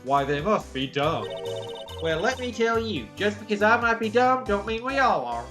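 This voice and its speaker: A woman voicing a brash, touchy southern woman photographer in a video game, with an exaggerated Southern drawl and a loud, folksy, combative manner. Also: medium pitch, sing-song, moderate pace, over music, pitched above the performer's own voice, lightly acted. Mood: feisty. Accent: exaggerated American Southern drawl, put on.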